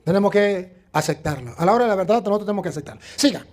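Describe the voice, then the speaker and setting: A priest with a Venezuelan accent preaching a sermon, telling a story with acted-out voices and pressing questions on the congregation. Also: male voice, sits high, lively intonation, racing, darkish tone. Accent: Venezuelan Spanish.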